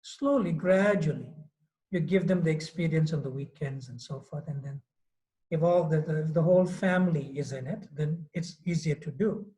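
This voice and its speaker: A man's voice: a little high, moderate pace, dark tone, rough recording. A man nearing sixty giving a devotional lecture in a loose, conversational way, often saying "you know". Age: 50s. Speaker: swami giving a class. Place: Mauritius.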